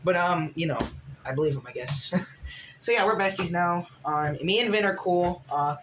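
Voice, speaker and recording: A man's voice: high voice, normal speed, noisy background. A man telling a rambling storytime vlog, full of restarts and fillers. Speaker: vlogger. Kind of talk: casual storytime recap.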